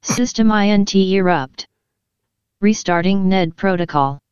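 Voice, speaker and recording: A man's voice: high voice, unhurried, clean tone, no room sound, dull audio, voice pushed up. A man putting on the voice of a malfunctioning robot partner that glitches and repeats error messages during a comic podcast bit. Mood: glitching.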